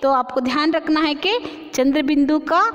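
A woman's voice: sits high, fairly even intonation, moderate pace, a bit bright, long reverb tail, lo-fi sound. A woman teacher giving a patient Hindi lesson to young children, asking the class questions and repeating each point. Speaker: primary school teacher.

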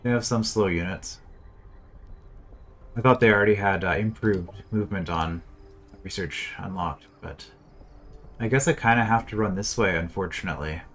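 Low-voiced man thinking aloud over gameplay. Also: moderate pace, pauses often, fairly bright tone, slight background noise. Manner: muttering, thinking aloud, dry sarcasm. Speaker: gameplay commentator. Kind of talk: casual let's-play commentary.

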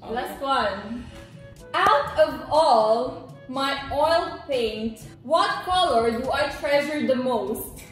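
A woman's voice: high voice, animated, extremely slow. Young filipino woman just chatting, takes her time, super echoey room. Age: 20s. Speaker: vlogger playing a sisters' quiz. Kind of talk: casual chat, mixing English with Tagalog. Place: indoor dining room at a glass table. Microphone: camera mic a few feet away. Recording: echoey room, background music.

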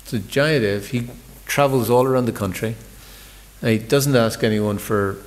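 Man preaching conversationally in a large temple hall, long reverb, mid-pitched voice, storyteller with stumbling restarts. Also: normal speed. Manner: warm storytelling, conversational, repeats words when he restarts. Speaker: visiting speaker giving a scripture class. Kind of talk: sermon.

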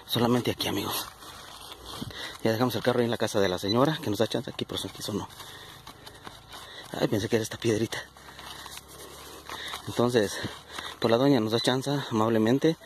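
Un hombre con acento mexicano que narra con tono de charla su búsqueda con detector de metales en un campo, hablándole a sus seguidores como amigos. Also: male voice, lowish voice, steady tone, a little fast, pauses often, background noise. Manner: chatty, addresses viewers as friends. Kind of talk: casual outdoor vlog narration. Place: outdoors in a plowed field.

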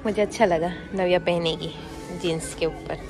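A woman's voice: fairly low pitch, steady tone, normal speed. A woman, chatting casually to her phone camera as she walks and shows things. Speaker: vlogger. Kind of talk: casual shopping vlog narration. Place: busy indoor mall and outdoor food court. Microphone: handheld phone camera. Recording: loud crowd and music behind.

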